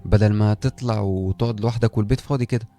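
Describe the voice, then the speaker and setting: A man's voice: on the low side, fairly even intonation, rapid-fire, mellow, faint music behind, close to an everyday voice. A man voicing a friendly, talkative young male neighbor with an Egyptian accent who keeps asking curious questions. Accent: Egyptian Arabic.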